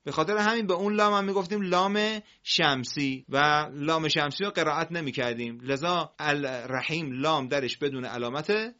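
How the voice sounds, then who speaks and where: A man teaching Quran reading on a broadcast, explaining patiently, asking students questions and drawing words out slowly. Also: on the high side, sharp tone, lo-fi sound.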